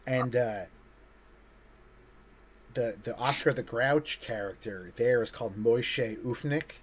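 A man's voice: mid-range voice, takes it slowly, husky. A man, an artist, chatting casually over a video call, rambling and hesitant with lots of fillers and restarts. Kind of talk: casual conversation.

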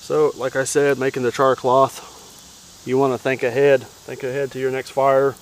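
A man casually narrating his camp cooking outdoors in the woods, relaxed and plain-spoken, giving practical tips. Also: mid-range voice, moderate pace, a little hiss or hum. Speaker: outdoors vlogger.

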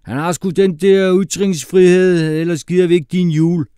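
A man voicing a brash, cocky schoolboy who talks in slang and shouts. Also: high-pitched, fairly even intonation, smooth, no room sound, clean studio sound, voice pushed up, close to an everyday voice.

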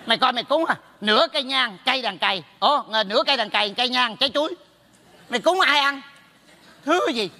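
A man's voice: very high voice, expressive, creaky, sharp tone, full character voice. A man playing a meddling neighbor in a stage comedy sketch, brash and teasing. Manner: brash, teasing, rapid scolding. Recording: stage hall with long reverb.

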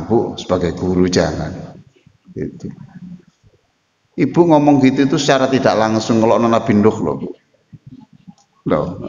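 A man's voice: lowish voice, vocal fry, darkish tone. An older man with an East Javanese accent preaching and joking with his audience, often switching into Javanese and calling listeners Pak and Bu. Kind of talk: lively sermon Q&A with audience. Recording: echoey hall, dull lo-fi sound.

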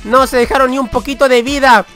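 A young man with a Rioplatense Spanish accent giving crude, excitable, boastful commentary over gameplay. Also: extremely high pitch, fast talker, soft background music. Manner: excitable, crude, playfully boastful, bursts into shouts and laughs. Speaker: gaming YouTuber.

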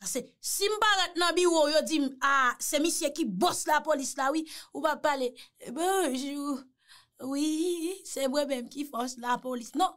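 A woman's voice: sits high, measured pace, fairly bright tone. A Haitian woman giving a mocking, teasing commentary, slipping in French phrases. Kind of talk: animated commentary.

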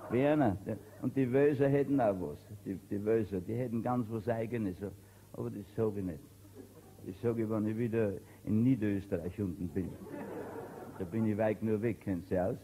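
A man's voice: on the low side, normal speed, background noise. A man with an Upper Austrian accent telling dialect jokes in a stand-up monologue, stammering on words and acting out quoted exchanges. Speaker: comedian. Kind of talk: stand-up folk comedy monologue.

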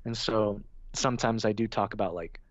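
A young man talking casually as an interview guest, full of "like" and "you know", and lively when he imitates his own narration delivery. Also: fairly low pitch, fairly quick, dry recording. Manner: filler-heavy, says "like" and "you know" often. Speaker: guest, film video essayist. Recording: dull, lo-fi dry sound.

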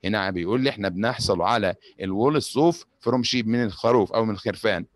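A man with an Egyptian Arabic accent teaching a grade-school English lesson, explaining in Arabic and dictating English example sentences very slowly. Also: fairly low pitch.

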